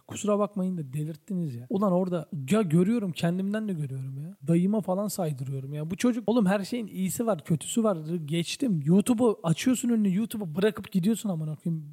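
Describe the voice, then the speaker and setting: A man's voice: high voice, expressive, quick pace, few pauses, dark tone. A young man from Turkey in his twenties, hosting a podcast, ranting casually and swearing a lot in an exasperated way. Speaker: podcast host.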